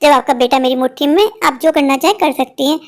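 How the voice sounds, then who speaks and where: A woman's voice: high voice, quick pace, lightly acted. A woman voicing a cheeky young daughter-in-law. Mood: defiant. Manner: cheeky, defiant retorts. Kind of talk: cartoon voice acting.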